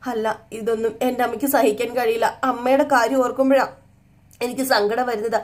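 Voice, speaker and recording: A woman's voice: a little high, level tone, fast, darkish tone, lightly acted. Woman playing a hurt, aggrieved young wife. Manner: aggrieved, tearful pleading.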